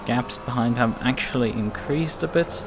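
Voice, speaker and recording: Man sim racing over clear engine noise. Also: medium pitch, normal speed. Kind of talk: casual live race commentary while driving. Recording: race car engine noise behind voice.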